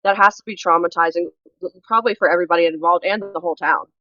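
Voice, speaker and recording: A woman's voice: lowish voice, fast, sharp tone, no room sound, muffled recording. A woman guest co-host in a casual true crime chat, emphatic and opinionated, rambling through her points.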